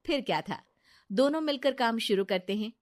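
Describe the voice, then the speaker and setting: A woman reads a cartoon storybook aloud in plain, even narration. Her voice is fairly high. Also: moderate pace.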